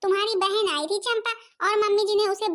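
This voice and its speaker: A woman voices a fiery village mother and daughter-in-law in a home-made cartoon. She argues in a combative, rapid-fire way with a very high voice. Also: fairly even intonation, a bit bright. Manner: combative, quarrelsome.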